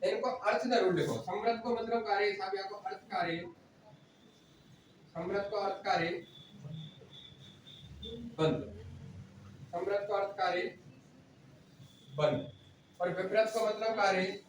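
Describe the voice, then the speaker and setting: High-voiced teacher in an echoey classroom. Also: male voice, steady tone, unhurried, long pauses. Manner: drills students with repeated questions and answers. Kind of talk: classroom lecture. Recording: echoey room, distant mic, faint noise.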